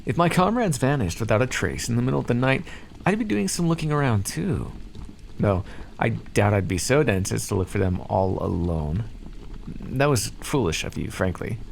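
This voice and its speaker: In an ASMR roleplay, a man plays a smug, playfully menacing vampire captor, addressing the listener in a theatrical, condescending, teasing drawl full of pet names. His voice is medium-pitched, gravelly and sing-song at a moderate pace, with a little hiss or hum in the background.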